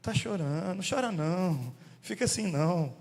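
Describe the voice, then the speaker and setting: A man voicing a gentle husband who slowly and softly coaxes his weeping wife. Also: high-pitched, animated, long reverb tail. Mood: soothing.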